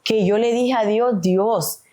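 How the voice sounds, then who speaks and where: A woman's voice: mid-range voice, animated, normal speed, darkish tone. A middle-aged woman, a podcast guest, giving an earnest, emotional testimony of faith, often calling the host "papá".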